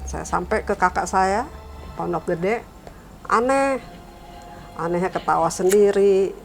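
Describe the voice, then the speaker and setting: Middle-aged woman, casual storytelling, pitch rises when quoting others, faint background music. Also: takes it slowly, gravelly. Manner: quotes others with raised pitch, trails off softly. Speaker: guest telling her story.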